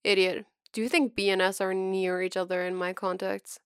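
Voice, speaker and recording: A woman voicing a bored, restless young male idol in a fan fiction reading, with a flat, sulky delivery. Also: mid-range voice, moderate pace, clean tone, dry recording, studio quality, close to an everyday voice.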